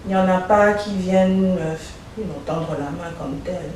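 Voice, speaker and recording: A woman dentist born in Belgium, giving measured, soft-spoken answers in an interview. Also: lowish voice. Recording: echoey room, voice from far off, faint noise.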